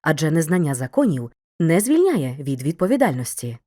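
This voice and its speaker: A woman narrating a scripted educational video lesson, speaking to the student in a clear, measured way. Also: deep voice, very animated, dark tone.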